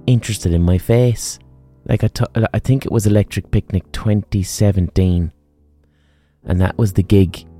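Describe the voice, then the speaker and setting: An Irish man hosts a podcast solo, speaking casually and informally with plenty of swearing and repeated phrases for emphasis. His voice is deep and warm, with instrumental music playing behind it.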